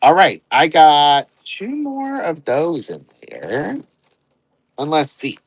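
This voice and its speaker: A man's voice: on the high side, wildly swooping pitch, slow, breathy edge, no echo, poor audio. A man hosting an online live sale, rambling and joking as he counts out items aloud. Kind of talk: casual live-selling chatter.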